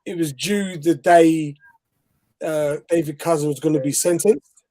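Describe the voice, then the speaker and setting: Joining a casual live chat by video call from home, a guest interviewer with a Bajan accent speaks a little slowly in a mellow voice on the high side. He rambles through a story, laughing along the way.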